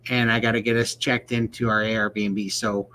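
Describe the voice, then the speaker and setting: A man's voice: fairly low pitch, little pitch movement, normal speed, pushed and bright. A man co-hosting a casual livestream chat, rambling and laughing often. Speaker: livestream co-host.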